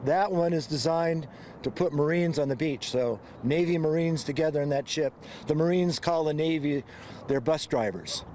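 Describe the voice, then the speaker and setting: Older male veteran interviewee, enthusiastic, higher voice, light outdoor hum. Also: normal speed, mellow. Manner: enthusiastic, proud. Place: outdoors at a riverside venue.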